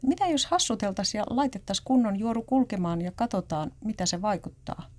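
A woman's voice: medium pitch, lively intonation, darkish tone, close to an everyday voice. A woman voicing a playful young man who likes to tease, in a read-aloud story. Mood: scheming. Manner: breezy, teasing.

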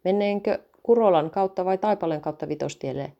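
A woman's voice: fairly low pitch, creaky, dull audio. A woman voicing a prickly young mother on a car trip, reading the dialogue in her plain storybook voice. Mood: bickering.

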